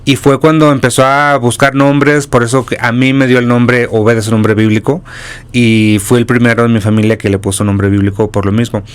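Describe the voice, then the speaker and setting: Smooth-voiced northern Mexican man. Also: mid-range voice, moderate pace. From Durango, Mexico. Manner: calm, steady storytelling with small restarts. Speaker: pastor and church planter. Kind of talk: interview guest telling his story.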